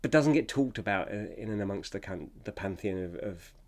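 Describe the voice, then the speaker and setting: A man's voice: on the low side, animated, a little fast, darkish tone. A man appearing as a guest on a film podcast, talking enthusiastically and sharing production anecdotes. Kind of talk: casual film discussion.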